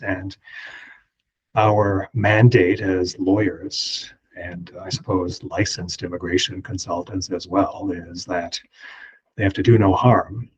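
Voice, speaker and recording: A man who is an immigration lawyer, hosting a webinar in an unscripted, halting way with many ums and restarts, heard through a computer mic on a video call. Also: sits low, slight background noise, poor audio. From Canada.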